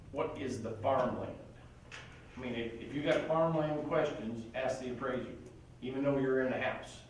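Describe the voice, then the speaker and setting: A man's voice: medium pitch, a little hiss or hum. A man giving casual real estate training, folksy and full of anecdotes. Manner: folksy, conversational, tells anecdotes. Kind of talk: casual classroom training talk. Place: training room. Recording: echoey room, mic far off.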